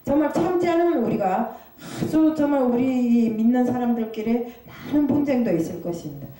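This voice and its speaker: A woman's voice: a little high, expressive, moderate pace, dark tone. A woman preaching a confessional sermon, asking rhetorical questions and hesitating often as she talks. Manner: confessional, self-critical. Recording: very echoey room, far from the mic.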